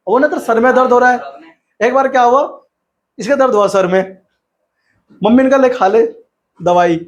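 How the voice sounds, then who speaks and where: Young male science teacher, high-pitched, casual and chatty, tells funny anecdotes and reads English textbook lines slowly. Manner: chatty, tells funny anecdotes, asks and answers his own questions. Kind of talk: casual classroom lecture.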